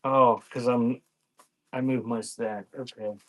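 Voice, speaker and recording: A cassette tape auction host, this man chats informally on a livestream, thinking aloud and often trailing off partway through sentences. He talks slowly in a mid-range voice with fairly even intonation.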